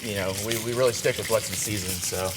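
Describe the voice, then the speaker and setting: A man's voice: fairly low pitch, fairly even intonation, quick pace, noisy background. Easygoing chef explaining as he cooks. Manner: easygoing, explains steps while cooking. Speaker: guest chef. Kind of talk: cooking demonstration chat. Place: TV studio kitchen.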